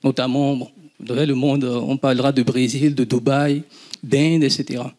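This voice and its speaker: A man in his thirties from Benin with a Beninese accent, an entrepreneur talking casually to an audience and telling animated stories with laughs. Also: medium pitch, normal speed. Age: 30s. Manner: animated storytelling, laughs often, swears casually. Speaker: guest entrepreneur.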